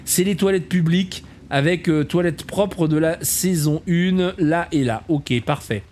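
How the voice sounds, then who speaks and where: Touring a game camp, this host gives relaxed, chatty commentary in a slightly mellow voice on the high side, speaking a little slowly. He addresses his audience as "les enfants" like kids and drops self-mocking jokes. Some slight background noise is audible.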